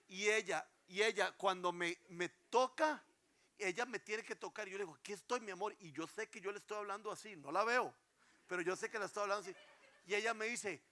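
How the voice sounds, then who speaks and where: A young adult man preaching a sermon, earnest, rising to emphatic peaks and then dropping soft. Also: fairly high pitch. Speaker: pastor.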